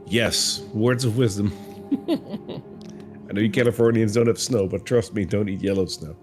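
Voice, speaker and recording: A man's voice: on the low side, measured pace. A man narrating a tabletop game as game master, switching between description and casual asides. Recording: faint music bed. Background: soft background music.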